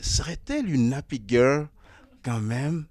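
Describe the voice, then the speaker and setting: A man's voice: mid-range voice, animated, slow pace, darkish tone, dry recording, studio quality. A man chatting casually as an interviewer, asking questions and reacting briefly.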